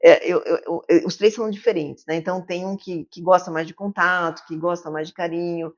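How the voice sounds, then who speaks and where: A woman in her fifties talks quickly in a fairly low voice as a psychiatrist guest. She tells stories with animation and acts out the lines she quotes. The recording sounds dull and lo-fi. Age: 50s. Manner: lively storyteller who acts out quoted dialogue. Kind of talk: casual interview conversation. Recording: muffled lo-fi recording.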